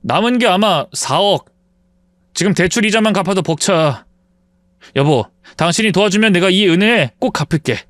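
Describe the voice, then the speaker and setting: A reader doing a pathetic blustering ex-husband. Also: male voice, high voice, lively intonation, normal speed, no echo, studio quality. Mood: pleading. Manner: gruff, pleading, blustering. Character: pathetic indebted ex-husband, whiny then blustering.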